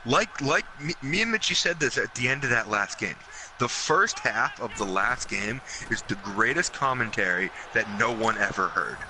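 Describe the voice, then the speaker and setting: A young man riffs as color commentator on a football video game, rambling and laughing easily. His pitch swings widely as he talks. Clear background noise sits under the recording. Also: animated, normal speed, pushed and bright, low-quality recording.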